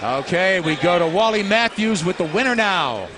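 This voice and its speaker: A man's voice: high-pitched, animated, normal speed. A man calling a fight live on television as play-by-play commentator. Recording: loud arena crowd noise behind.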